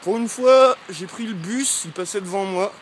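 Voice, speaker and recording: Man from France vlogging on foot outdoors: slightly high, hesitant, rambling delivery to a handheld camera, with faint street noise. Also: normal speed. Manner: chatty, rambling with frequent hesitations; talking while walking. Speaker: travel vlogger. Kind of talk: casual chat to camera.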